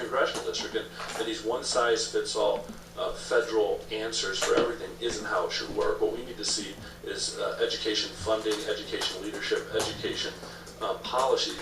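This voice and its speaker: A man's voice: on the low side, little pitch movement, fast talker. A man answering interview questions as a political candidate, emphatic and repeating phrases as he lays out talking points. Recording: echoey room, distant mic, noisy background.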